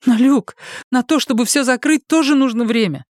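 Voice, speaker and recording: A man speaks in a very high pitch, raised above his natural voice, to play a frightened young wife begging through tears. His pace is moderate and the mood is pleading. The recording is studio quality with no room sound.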